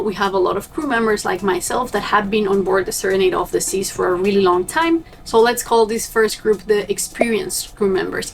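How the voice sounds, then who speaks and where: A young adult woman from Argentina, a native Spanish speaker, vlogs casually to camera as a cruise ship crew member. Her medium-pitched voice sounds upbeat and direct as she chats with viewers, though the audio quality is poor.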